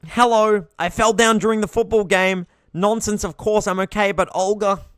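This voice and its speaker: A man's voice: sits high, fairly even intonation, normal speed, fairly bright tone, clean tone, dry recording, clean studio sound. A man reading as an eager teenage pioneer boy.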